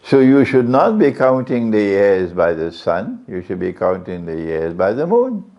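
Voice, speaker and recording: A man's voice: very animated, unhurried, a little mellow. A man preaching a sermon, questioning his audience often. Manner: questions the audience, varies his pitch widely. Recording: lo-fi, dull sound.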